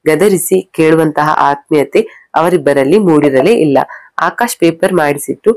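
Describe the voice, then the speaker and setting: Low-pitched female storyteller, measured scripted narration, dry. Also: darkish tone, no room sound.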